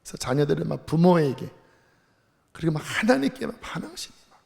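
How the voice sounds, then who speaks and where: A man's voice: on the high side, very animated, brisk, gravelly, a little mellow, big-room sound. A man preaching a sermon as pastor, impassioned and emotional, in a church sanctuary. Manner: impassioned, voicing anguished outbursts.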